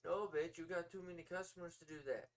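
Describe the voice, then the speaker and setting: A man co-hosting a casual podcast chat, profane and brash, swinging into loud outbursts. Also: on the high side, fairly even intonation, quick pace. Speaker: podcast co-host.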